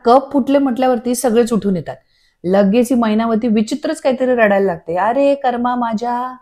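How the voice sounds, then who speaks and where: A woman narrating a TV serial episode recap in lively storytelling. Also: a little high, brisk. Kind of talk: scripted narration.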